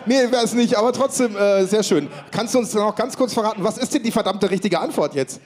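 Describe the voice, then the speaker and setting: A man's voice: high voice, a little fast, a little mellow. A man hosting a live quiz show with playful, teasing game show host patter.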